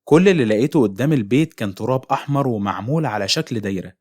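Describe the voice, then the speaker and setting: A man's voice: medium pitch, lively intonation, racing, darkish tone, lightly acted. Man voicing a frightened village man. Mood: uneasy. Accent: Egyptian Arabic. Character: frightened male villager recalling horrors. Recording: noisy home recording.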